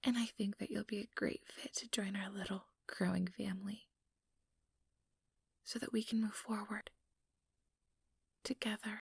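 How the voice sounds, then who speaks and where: In an exaggerated, intimate whisper, a woman plays an ambitious and manipulative vampire woman, her mid-range voice steady, unhurried and full of pauses. The breathy ASMR monologue feels coaxing and idealistic, recorded dry on a close microphone.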